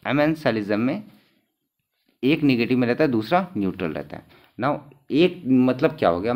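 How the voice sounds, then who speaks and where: A male exam-prep teacher, pitched in the middle range. He talks through the questions in a conversational way, asking the class questions and answering them himself, and repeats each key term so it sticks.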